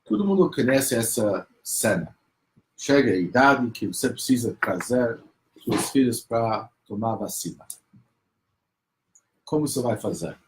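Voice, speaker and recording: Lively man telling a teaching story. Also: mid-range voice, a little slow, pauses often, a little hiss or hum, low-quality recording. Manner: animated storyteller, acts out child and mother in raised voices. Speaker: rabbi teaching a class. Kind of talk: storytelling lesson.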